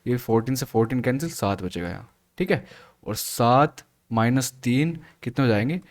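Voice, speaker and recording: Male math tutor, steady step-by-step exam walkthrough, quizzes then answers himself. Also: medium pitch, normal speed. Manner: steady step-by-step explaining, asks and answers own questions. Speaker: math teacher.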